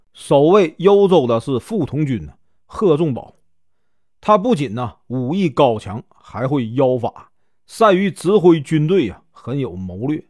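Lively storytelling man, filler-dotted. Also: a little high, dry recording, clean studio sound. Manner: sprinkles filler particles between phrases. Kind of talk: casual storytelling of a classic novel.

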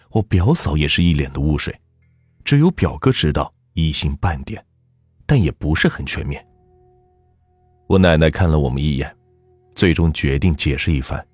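A man narrating a folk ghost story in a measured, steady storytelling manner. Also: rumbling low, husky, no room sound.

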